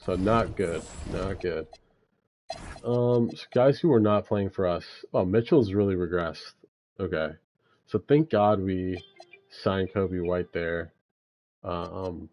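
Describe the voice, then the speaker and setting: A man's voice: deep voice, dark tone, a little hiss or hum. A young man giving laid-back gameplay commentary, thinking aloud with frequent fillers as he manages a basketball franchise. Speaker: gaming YouTuber.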